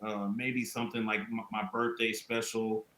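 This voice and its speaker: A man co-hosting a podcast in casual chat, relaxed and laughing along, with hesitant fillers. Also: lowish voice, normal speed. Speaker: podcast co-host. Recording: echoey room with faint noise.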